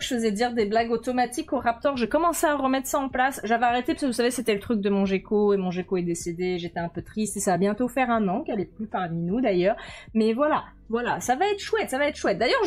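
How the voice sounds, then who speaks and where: A woman's voice: fairly high pitch, lively intonation, fast talker. A woman streaming live, chatting casually and playfully with her viewers as she reads the chat aloud. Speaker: streamer drawing commissions live. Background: faint music.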